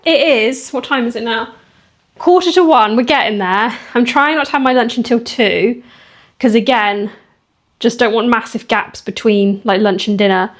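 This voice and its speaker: A young woman chatting casually in a fitness vlog, emotional and quick to laugh. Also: fairly high pitch. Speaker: fitness vlogger.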